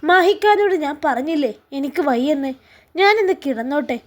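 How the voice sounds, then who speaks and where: A woman's voice: sits high, expressive, brisk. A woman reading a storybook, voicing a hurt young wife who answers tersely and holds back tears.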